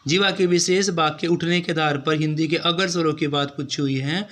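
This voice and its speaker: A man's voice: on the high side, steady tone, normal speed, a bit bright. Man running a quiz-style exam-prep lesson. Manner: asks a question, then answers and repeats it; keeps addressing students directly. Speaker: teacher.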